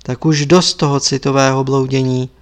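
A man's voice: medium pitch, little pitch movement, clean tone, natural voice. A man voicing a stern, wise old male lama teacher, speaking in a grave, instructive way as he reads a story aloud. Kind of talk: audiobook character reading.

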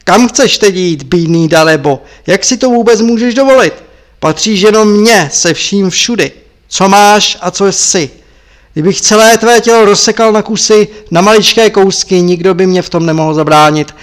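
A man voicing a stern, furious old male master who yells and scolds harshly. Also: high voice, voice pushed up, close to an everyday voice.

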